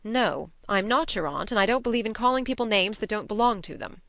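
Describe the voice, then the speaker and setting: A woman playing a stern, practical older spinster guardian in an audiobook, brisk, plain-spoken and disapproving. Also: mid-range voice, expressive, gravelly, a bit bright, no room sound. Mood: grim, firm. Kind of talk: audiobook character reading.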